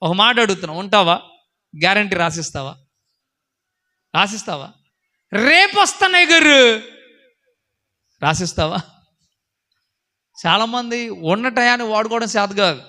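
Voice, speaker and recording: Male preacher, high bright voice, emphatic, repeats questions, sermon. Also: moderate pace, long pauses. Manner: emphatic, repetitive questioning, rising to shouts; acts out characters in a story with changed voices.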